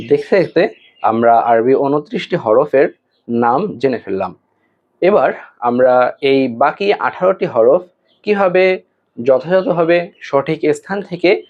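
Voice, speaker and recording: A male Quran teacher giving an online lesson, explaining how to pronounce Arabic letters slowly, with pauses and fillers, and drawing out the letters as examples. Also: mid-range voice. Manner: slow and deliberate, with hesitation fillers, drawn-out model pronunciations. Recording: tinny phone-like audio.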